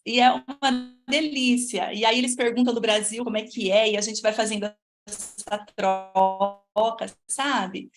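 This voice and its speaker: A woman in her forties with a Brazilian Portuguese accent, hosting a live stream and telling her life story in a chatty, lively way, talking straight to her viewers. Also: on the high side. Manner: lively, chatty, speaks straight to viewers and reads their comments. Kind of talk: casual personal storytelling.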